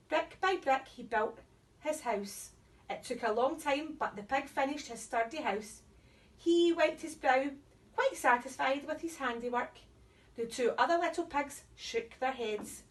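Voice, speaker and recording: A woman reading a children's story aloud in an animated, sing-song delivery for small children. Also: sits high, recorded from a distance, low-quality recording.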